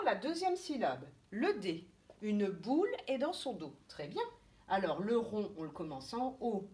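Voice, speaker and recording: Maternelle teacher walking little kids thru cursive letters, slow and careful, voice going up and down a lot. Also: female voice, a little high, a little mellow. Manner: slow, step-by-step instructions, thinking aloud. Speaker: kindergarten teacher. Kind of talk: remote handwriting lesson for young children.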